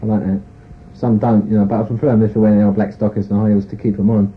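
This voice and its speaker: A man's voice: on the low side, little pitch movement, fast. A man, giving a frank, rambling personal account in an interview, full of "you know" and "sort of". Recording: tinny phone-like tape recording with faint hiss.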